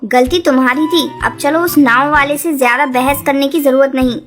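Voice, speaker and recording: A woman voicing a patient mother sparrow in a cartoon, gently scolding. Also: high-pitched, fairly even intonation, moderate pace, close to an everyday voice. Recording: cartoon with background music.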